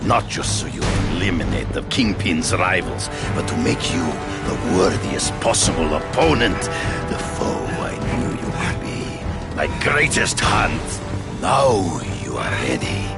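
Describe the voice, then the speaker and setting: An actor playing a proud, obsessive hunter villain in a video game, speaking in grandiose, formal, deliberate phrases with a gravelly voice. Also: male voice, very animated, loud music behind the voice, full character voice. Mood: menacing. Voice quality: deep, gravelly voice.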